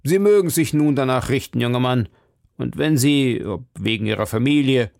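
A man reading aloud and voicing a stern, shrewd older captain of musketeers in a measured, lecturing manner. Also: medium pitch, vocal fry, a little mellow, no room sound, studio quality, close to an everyday voice. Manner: measured, lecturing, drops to murmurs. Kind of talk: audiobook reading.

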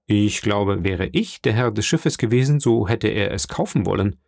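A man reading the part of a young, dutiful ship's first mate in an audiobook, brisk and polite. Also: lowish voice, creaky, a little mellow, dry recording, clean studio sound.

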